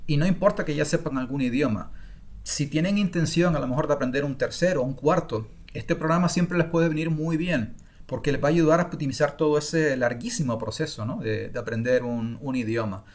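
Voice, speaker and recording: Speaking on the high side with a darkish tone, a middle-aged language-learning course creator from Spain teaches an unscripted online masterclass about learning languages. Spanish is his first language, and he frequently stops for fillers and begins sentences over.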